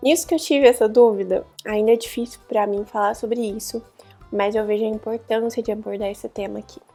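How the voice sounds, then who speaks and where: A young woman from Brazil telling a personal story to camera as a vlogger, earnest and emotional, with pauses and restarts. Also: mid-range voice, steady tone, mellow, faint music behind.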